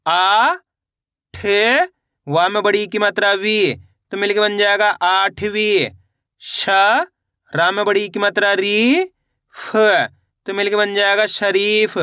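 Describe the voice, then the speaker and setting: A man with a high, bright voice sounds out words syllable by syllable, stopping to quiz the viewer. His voice is smooth and clear, recorded close and dry with no room sound. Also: no room sound. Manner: slow syllable-by-syllable, repeats questions to viewers. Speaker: Hindi reading teacher. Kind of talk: spelling-out reading lesson.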